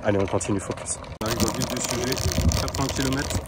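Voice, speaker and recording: Riding a kick scooter through the city's parks and streets, a young male vlogger who works as a coach and nutritionist talks directly to his viewers at a quick pace and medium pitch. His casual commentary is chatty and loaded with fillers and asides, and he sounds strained from exertion. City noise is clearly audible throughout.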